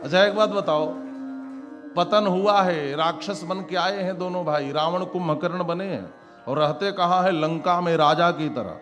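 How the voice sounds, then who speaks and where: A Bhagavat katha preacher with a high-pitched, slightly bright voice tells devotional scripture stories as a sermon at a measured pace. He is dramatic, voicing the characters' lines with exclamations, against long reverb and instrumental music.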